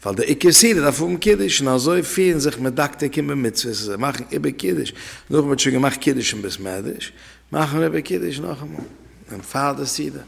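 A man teaches an informal religious law lesson as a rabbi, weaving anecdotes into his talk. His voice is gravelly and a little husky. The long reverb of a hall trails behind every phrase. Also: mid-range voice, animated, moderate pace. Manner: conversational, telling anecdotes to listeners.

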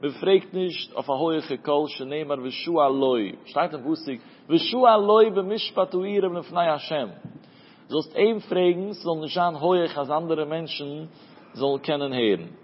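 Male Talmud teacher, fairly high voice, study singsong, long reverb on a dull recording. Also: measured pace, breathy edge. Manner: chanting study singsong, mixing Hebrew terms into Yiddish-flavored German. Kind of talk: Talmud lesson. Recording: dull audio in a reverberant room.

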